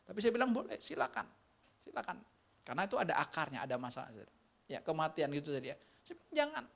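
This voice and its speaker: A man preaches in a relaxed, conversational way, speaking straight to his congregation. His delivery moves from animated passages to hushed ones. He acts out the complaints and prayers he describes. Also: a little high, very fast. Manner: talks directly to the congregation, shifting between animated and hushed delivery. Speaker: pastor. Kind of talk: conversational sermon.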